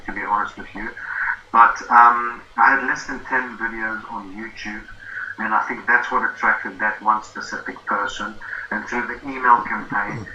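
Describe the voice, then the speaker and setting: Speaking in a sharp, mid-range voice, a South African man in his fifties is interviewed casually over a video call as an affiliate marketing student. He hesitates often, filling gaps and restarting sentences. The audio has a lo-fi, roomy call quality with faint noise.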